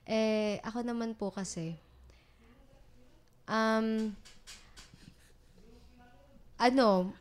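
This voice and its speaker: A woman's voice: fairly high pitch, fairly even intonation, extremely slow, long pauses, slight background noise. A young woman from the Philippines sharing her faith experience politely and hesitantly, mixing in English phrases. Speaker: guest sharing testimony.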